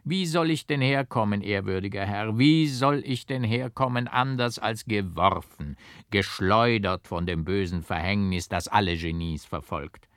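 A man's voice: lowish voice, unhurried, fairly bright tone, smooth, dry recording, studio quality. A man voicing a foolish, flamboyant barber who talks in flowery, mock-dramatic phrases in an audiobook. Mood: lamenting. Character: foolish, flamboyant male barber, theatrical and whimsical. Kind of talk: audiobook character voice.

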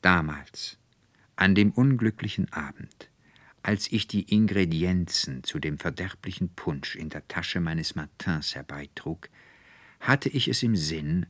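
A man's voice: low-pitched, a bit bright, dry recording, full character voice. A man voicing an emotional, effusive middle-aged male clerk in a pleading tone.

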